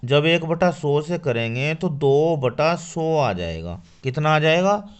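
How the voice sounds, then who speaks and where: A man's voice: a little high, animated, slow pace, clear, resonant tone, muffled recording. A man teaching a school maths lesson to children. He asks questions and answers them himself. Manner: addresses children directly.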